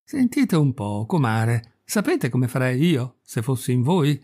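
A man's voice: mid-range voice, very animated, unhurried, darkish tone. A man doing a sly teasing country farmer.

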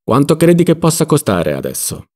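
A man's voice: on the high side, huge pitch swings, normal speed, mellow, pitched above the performer's own voice. A man putting on Don Lollò, a hot-tempered landowner. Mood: scolding. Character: irascible rich male landowner, quick to shout.

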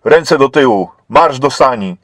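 A man's voice: medium pitch, animated, a little slow, fairly bright tone, no room sound, pitched above the performer's own voice. A man doing a stern barking camp chief. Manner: barked curt orders.

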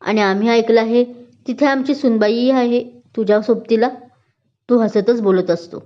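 A woman's voice: on the high side, steady tone, normal speed, natural voice. A woman voicing a teasing, playful young husband in a spoken story, talking with affection. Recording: dull lo-fi recording.

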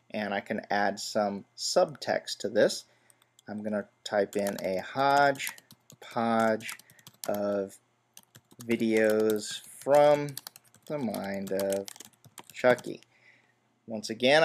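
Man talking through a screen tutorial. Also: mid-range voice. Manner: step-by-step, relaxed, self-deprecating asides. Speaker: tutorial host. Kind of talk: screen-recorded software tutorial.

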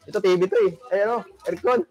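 A man from the Philippines unboxing gifts, talking casually and exclaiming excitedly over each item. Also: sits high, fast talker, a little hiss or hum. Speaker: person unboxing donated gifts.

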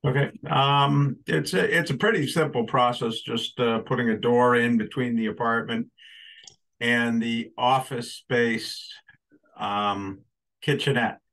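A man of middling pitch speaks through a group video-meeting call, his words coming in from a remote connection. He talks in a loose, easygoing way, full of pauses and small fillers. He sounds like a property owner explaining his plans at a public hearing. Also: steady tone, a bit bright. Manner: easygoing, rambling, with many fillers. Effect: heard over a group video-meeting call. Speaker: property owner applying for a permit.

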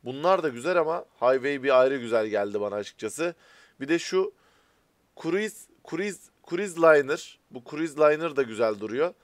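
A man speaking with a Turkish accent, giving casual, excitable gameplay commentary and chatting to his viewers as friends. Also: fairly high pitch, normal speed, dry recording. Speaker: gaming YouTuber.

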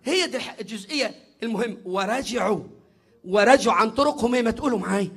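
A middle-aged man with an Egyptian Arabic accent, preaching a sermon in an emphatic style, often raising his voice to a shout and speaking directly to his listeners. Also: high-pitched, expressive, racing, husky.

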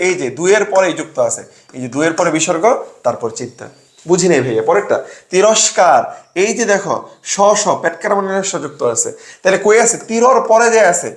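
A young man teaches a lesson in a rehearsed question-and-answer drill, firing off a prompt and then answering it himself. His voice sits fairly high and swings up and down a lot as he pushes each point. The sound is roomy, with a clear echo around him. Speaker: admission coaching tutor. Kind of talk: classroom lesson with sales pitch.

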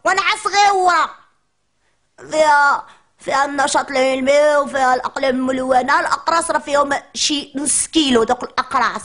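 Woman doing a cheeky Moroccan preschool girl, very high voice, fast whiny chatter, comic monologue. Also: fairly bright tone. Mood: complaining. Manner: whiny complaining childish chatter.

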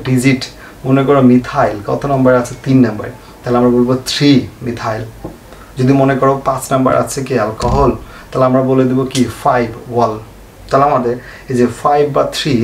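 Male chemistry teacher, mid-pitched, self-questioning lesson style, roomy echo with faint hiss. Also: darkish tone. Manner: asks questions and answers them himself, repeats key points. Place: home room, fan switched off. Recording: echoey room, faint noise.

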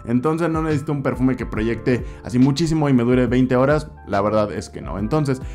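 In a small indoor room with shelves of perfume bottles, a young fragrance reviewer with a Mexican Spanish accent talks fairly quickly through his favorite scents for a casual vlog. His middle-pitched voice rides over faint soft guitar, and he gestures and repeats words for emphasis. A desk mic sits before him, with the camera at mid distance.

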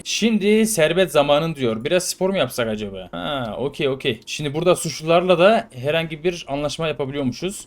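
A man playing a prison game and chatting casually over it, playful and slangy, now and then shouting loudly at the characters. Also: on the high side, slight background noise. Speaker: gaming YouTuber. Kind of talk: casual let's-play commentary.

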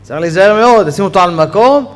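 A man teaching a Torah lesson on Sabbath law in a study hall, with an Israeli accent, telling stories with a voice that rises sharply when he gets excited. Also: high-pitched. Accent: Israeli Hebrew. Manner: animated storytelling, voice rising sharply when excited. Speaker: rabbi teaching a Torah class.

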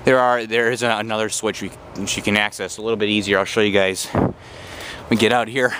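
Walking through overgrown woods, a vlogger checking out abandoned railroad tracks gives brisk commentary into a handheld camera mic. His voice sits on the low side, a bit bright, with fairly even intonation, and he rambles and restarts. Outdoor noise sits behind him.

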